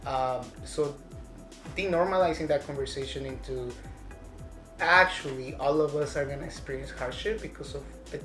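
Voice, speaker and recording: A man from Mexico with a medium-pitched, fairly bright voice talks passionately at a moderate pace in a casual conversation. He's emphatic, often pressing his points with "right?" and calling someone "girl." The room is echoey, with music playing behind him.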